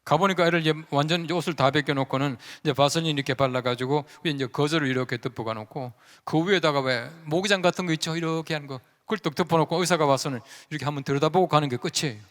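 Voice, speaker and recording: A man's voice: on the high side, quick pace, few pauses. Male pastor preaching in a reverberant sanctuary. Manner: conversational, animated storyteller who acts out quoted voices; leads the congregation in call-and-response. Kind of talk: storytelling sermon. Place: large church sanctuary.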